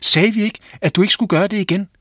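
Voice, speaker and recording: Man playing gruff village men, stern, scolding, raised voice, husky. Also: fairly high pitch, sing-song, dry recording, clean studio sound, pitched above the performer's own voice.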